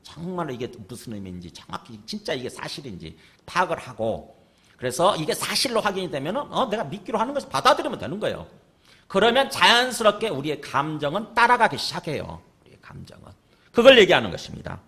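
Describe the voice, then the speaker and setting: Lively, bright-voiced male pastor preaching. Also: on the high side, fast talker. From South Korea. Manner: conversational preaching with rhetorical questions. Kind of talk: sermon.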